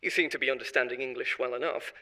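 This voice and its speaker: Playing a boastful former corporate consultant who laughs at his own jokes, this actor delivers a smug, chatty audio drama monologue. His medium-pitched voice is pushed and bright, fast, with fairly even intonation.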